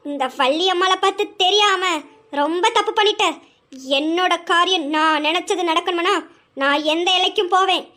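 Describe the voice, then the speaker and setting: A woman's voice: very high-pitched, pushed and bright. A woman voicing a spiteful, domineering old grandmother in an audio drama, scornful and commanding. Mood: threatening. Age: older. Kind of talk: amateur Tamil audio drama.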